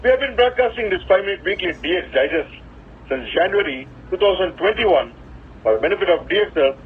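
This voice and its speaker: A man from South India hosting a weekly hobby digest, reading steadily, heard over a shortwave radio. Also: sits high. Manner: steady, carefully paced reading. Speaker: radio program host. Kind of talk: scripted news digest reading. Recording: tinny shortwave radio with faint hiss.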